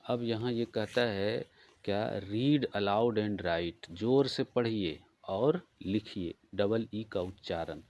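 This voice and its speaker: Male tutor, Bihari Hindi accent, low voice, unhurried letter-by-letter spelling. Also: a little mellow, a little hiss or hum. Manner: spells words out letter by letter, slow and patient. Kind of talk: workbook walkthrough lesson.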